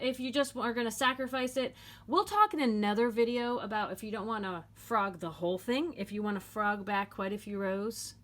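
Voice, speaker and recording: A woman's voice: mid-range voice, a bit bright. A woman talks through a knitting tutorial from her home, with an easygoing, chatty delivery. She jokes along the way and repeats key points as she works. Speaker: knitting teacher.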